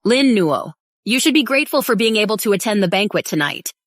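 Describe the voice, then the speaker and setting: Recorded dry in a studio with no echo, a woman dubs an English drama as an arrogant, spoiled young heiress who talks down to everyone. Her medium-pitched voice swings widely in pitch and moves fairly quickly, sneering and haughty throughout.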